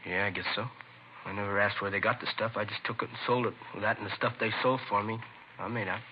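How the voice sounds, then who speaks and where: A lowish male voice, close to how he'd speak every day and with fairly even intonation, plays a remorseful, streetwise teenage addict making a reluctant confession. The slangy, halting lines belong to a 1950s radio crime drama, heard on a muffled, hissy recording.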